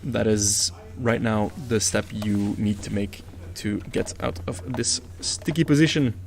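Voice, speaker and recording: A man commentating live on a card game, breaking down plays and joking with his co-hosts. His voice is gravelly with a touch of fry, and there is faint room ambience behind him. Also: lowish voice, fairly even intonation, measured pace, a little hiss or hum. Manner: analytical, chatty and joking. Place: event venue.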